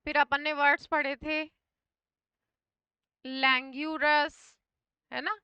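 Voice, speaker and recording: High bright voice, woman teacher explaining english words in hindi, dry close sound. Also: little pitch movement, fairly quick, no room sound, muffled recording. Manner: often repeats "thik hai" to check understanding. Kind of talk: exam vocabulary lesson.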